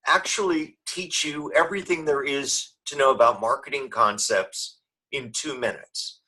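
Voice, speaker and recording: A man's voice: medium pitch, bright, forceful tone, poor audio. A man lecturing as a business professor in a recorded online class, rambling and dropping sarcastic asides.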